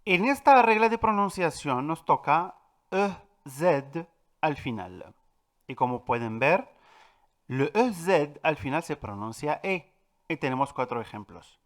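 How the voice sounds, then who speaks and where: Male teacher explaining pronunciation to viewers, lively intonation, stresses example words. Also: on the high side. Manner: clear and patient, repeats example words slowly and with stress; addresses viewers directly, with filler "eh". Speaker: language teacher. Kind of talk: French pronunciation lesson.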